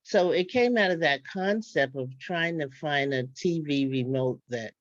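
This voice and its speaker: An older woman with a low voice and lively intonation speaks at a measured pace, with no echo. A writer and workshop participant, she casually shares recollections on a panel, calling in remotely to an online event over muffled, band-limited audio.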